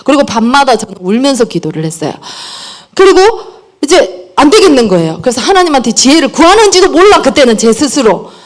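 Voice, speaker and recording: A middle-aged woman giving a parenting lecture, telling personal stories in an animated way and acting out the dialogue. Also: high-pitched, fairly quick.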